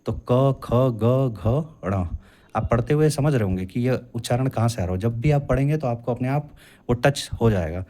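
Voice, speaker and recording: A man's voice: medium pitch, animated, normal speed, warm tone. A young man teaching a classroom lecture as an exam coaching teacher, patiently explaining and drawing out sounds to demonstrate them.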